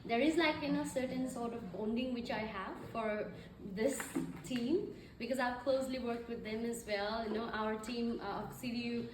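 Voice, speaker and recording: A woman's voice: fairly high pitch, fairly even intonation, normal speed, background noise. A young woman from Nepal giving a conversational speech at an event, full of fillers. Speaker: guest speaker. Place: event hall. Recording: echoey hall from far off.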